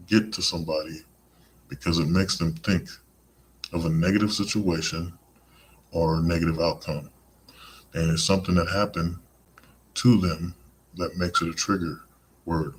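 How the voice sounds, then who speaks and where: Deep, flat-voiced man on a podcast. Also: slight background noise. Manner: rambling, conversational, frequent "you know" asides. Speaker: podcast host. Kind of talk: live-streamed podcast monologue.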